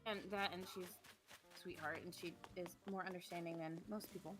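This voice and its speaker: A woman's voice: fairly low pitch, fairly even intonation, moderate pace, fairly bright tone. A woman co-hosting a casual podcast stream, chatting in a rambling, self-deprecating way while she plays. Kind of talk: casual chat while playing a game.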